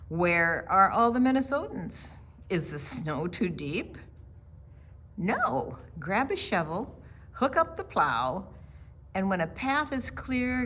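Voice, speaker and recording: A woman with a medium-pitched voice reads a picture book aloud to young children. Her storytime style is expressive and full of questions and answers.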